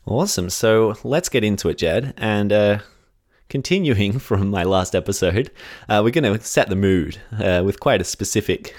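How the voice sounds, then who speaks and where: A relaxed Australian man who hosts a podcast and tells a story in a loose, conversational way. His voice sits a little low, and he chuckles and backtracks freely as he talks. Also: normal speed. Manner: chatty, laughs often, self-correcting. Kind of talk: casual storytelling chat.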